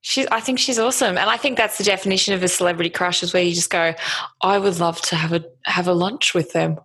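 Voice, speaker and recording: Female co-host, lowish voice, dry teasing wit. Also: fairly even intonation, quick pace, fairly bright tone, husky. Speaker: podcast co-host. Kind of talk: casual podcast chat.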